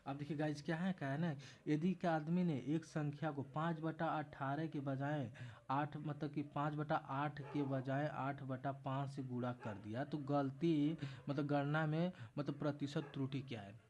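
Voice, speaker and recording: A man's voice: on the high side, steady tone, moderate pace, a little mellow. A man tutoring math in a casual exam-prep lesson, walking through each step and repeating himself as he explains.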